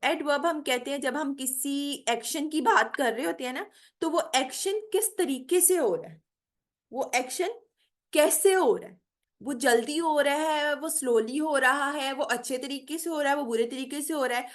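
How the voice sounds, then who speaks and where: A woman teaching pronunciation in an online lecture, explaining patiently and checking in often with her students. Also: high-pitched. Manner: explains slowly, mixing Hindi with careful English, keeps saying "theek hai". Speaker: English teacher. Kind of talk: online spoken English lecture.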